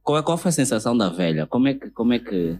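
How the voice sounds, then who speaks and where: A man with an Angolan Portuguese accent, hosting a podcast and asking casual interview questions in a relaxed, drawn-out way with hesitations. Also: mid-range voice, slightly rough. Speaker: podcast host.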